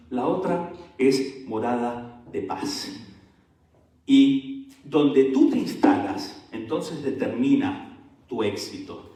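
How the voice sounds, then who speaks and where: A male pastor preaching a sermon with animated energy, throwing questions out to his congregation. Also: fairly high pitch. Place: church sanctuary. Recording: echoey church hall, mic at a distance.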